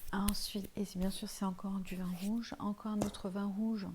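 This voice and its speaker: Speaking in a flat, mid-range voice at normal speed, a French-based woman of Portuguese heritage reviews her used-up products at home in a tiled room. Her chatty, informal address to viewers is full of hesitant fillers, and there is background noise.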